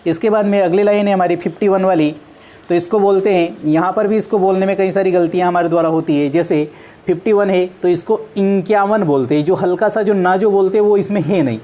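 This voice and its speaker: A woman's voice: mid-range voice, brisk, dark tone. A woman teaching a maths class on video, patiently going through number names one at a time and correcting common mistakes.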